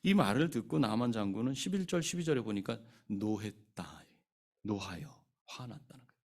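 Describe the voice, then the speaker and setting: A man's voice: lowish voice, sing-song, moderate pace, darkish tone. A male pastor giving a sermon, asking the congregation questions and acting out the scripture figures. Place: church sanctuary.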